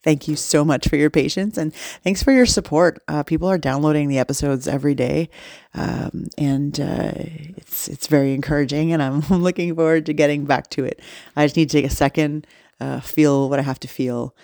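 A woman's voice: low-pitched, steady tone, moderate pace, warm tone, dry recording, clean studio sound. A woman podcast host, recording a casual update on her phone, sounding dejected and rambling with many fillers.

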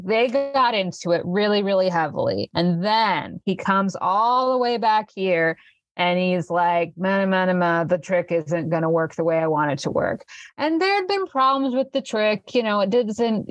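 A man's voice: high-pitched, dry recording, lo-fi sound. A woman voicing a laid-back male stoner who rambles on with lots of fillers in a tabletop role-play.

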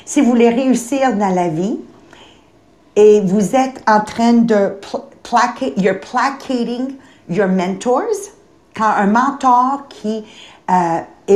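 A woman's voice: mid-range voice, darkish tone. A woman on a podcast, talking bluntly and emphatically and slipping English phrases into her speech. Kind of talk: casual podcast chat. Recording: roomy echo.

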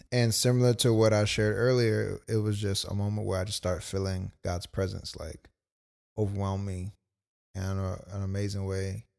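A man's voice: fairly low pitch, level tone, moderate pace, vocal fry, darkish tone. A young man casually telling a personal story as a podcast co-host, loose and full of quoted asides. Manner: laid-back, storytelling with many "like"s and quoted asides.

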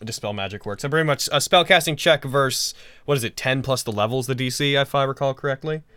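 A man's voice: mid-range voice, quick pace, pushed and bright, no room sound. A man improvising narration as the game master of a tabletop role-playing game.

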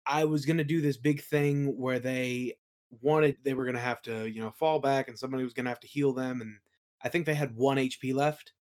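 Appearing as a guest, this game master and audio play creator talks in a steady, slightly mellow voice of medium pitch, moving briskly. His casual chat is full of rambling, colloquial stories, with quoted lines performed rather than just repeated.

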